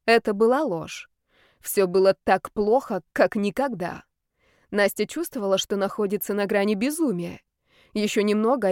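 A woman reading an audiobook in a steady narrating voice. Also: mid-range voice, no room sound, clean studio sound. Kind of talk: scripted narration.

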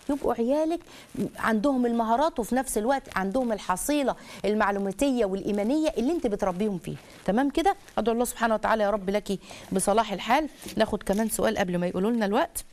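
Rapid-fire Egyptian woman counselor. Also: on the high side. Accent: Egyptian Arabic. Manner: rapid, animated, acts out quoted family dialogue. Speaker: family counselor and show host. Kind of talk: advice talk show.

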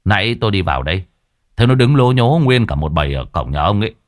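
A man voicing a calm, sly young exorcist who talks in a laid-back, dryly teasing way, in a spooky storybook tale. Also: on the low side, fast, no echo, clean studio sound.

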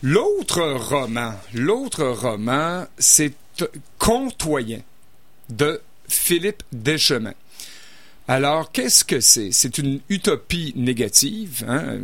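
A man's voice: mid-range voice, fairly bright tone, no room sound. A man reviewing novels in casual radio chat, hesitant, with many fillers and restarts. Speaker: book reviewer.

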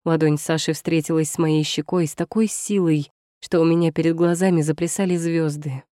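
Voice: mid-range voice, fairly even intonation, normal speed, dark tone, no room sound. Dry, brooding audiobook narrator. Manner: tense, brooding, dramatic. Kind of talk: first-person romance novel narration.

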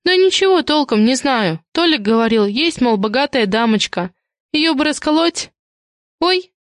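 A woman reading an audiobook and voicing a frightened, defensive young woman who squeaks and protests through tears. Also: lively intonation, normal speed, no echo, clean studio sound. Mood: nervous.

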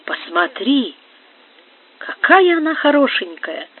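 A reader voicing a superstitious male soldier who speaks quietly and hesitantly in an audiobook. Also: sits high, very animated, slow, voice pushed up, full character voice. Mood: uneasy. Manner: hushed, hesitant, fearful. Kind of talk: audiobook character voice. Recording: tinny phone-like sound.

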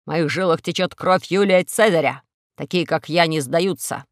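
A woman voicing a proud, stubborn male inspector with a firm, low manner. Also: normal speed, no echo, clean studio sound, natural voice.

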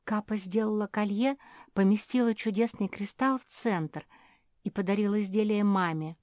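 A woman's voice: medium pitch, moderate pace, a little mellow, dry recording, studio quality, close to an everyday voice. A woman reading aloud and voicing a thoughtful, reasoning pug sister. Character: thoughtful sensible eldest female pug.

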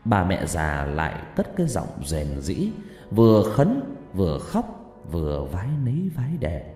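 A man narrating a ghost story in an expressive, dramatic way, recorded in an echoey room. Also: low voice, unhurried, soft background music. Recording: echoey room with long reverb.

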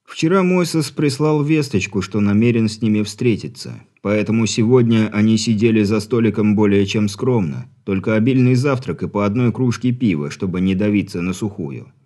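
A man narrating an audiobook with an even, wry storytelling manner. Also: fairly low pitch, normal speed, hardly any pauses. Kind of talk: scripted narration.

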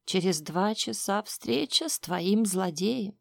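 A woman voicing a kind, soothing older woman in an audiobook, speaking in soft whispers. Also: medium pitch, animated, slow pace, vocal fry, no echo, studio quality, full character voice.

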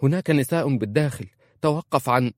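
A man voicing a proud, sharp-tongued young Bedouin woman who answers with bitter, cutting retorts in a storybook reading. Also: deep voice, a little fast, no echo, clean studio sound. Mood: urgent.

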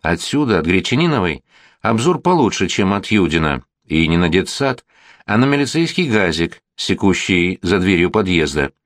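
A man's voice: deep voice, big pitch swings, moderate pace, no room sound, clean studio sound. A man reading the lines of a weary police captain in an audiobook, curt and sardonic.

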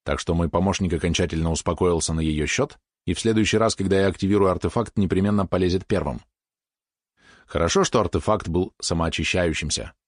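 Low-voiced male audiobook reader. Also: brisk, dry recording, studio quality. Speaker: audiobook narrator. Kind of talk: scripted first-person narration.

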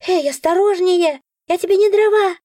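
A woman's voice: very high-pitched, moderate pace, dark tone, no echo, clean studio sound, pitched above the performer's own voice. Woman doing a snappish magic book. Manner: scolding, snappish. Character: grumpy bossy talking magic book, female.

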